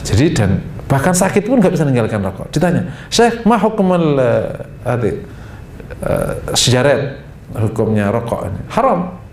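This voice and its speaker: A man giving an Islamic study lecture in style, chatty and animated, jumping high in pitch for emphasis and slipping in laughing asides. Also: normal speed. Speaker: Islamic preacher. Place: mosque study hall. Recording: echoey room with faint background rumble.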